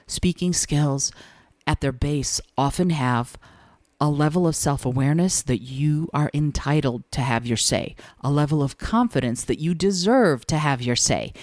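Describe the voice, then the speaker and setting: A woman with a low speaking voice, hosting a solo podcast as a communication coach, talking in a measured, deliberate way with thoughtful pauses. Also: darkish tone, dry recording, studio quality.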